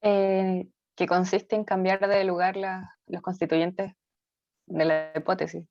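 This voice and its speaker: A woman student answers her teacher during an online class, in a fairly low voice and a tentative, explaining tone. Her audio comes through a dull, lo-fi call line. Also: little pitch movement, slow pace, a little mellow, dry recording. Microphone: video call.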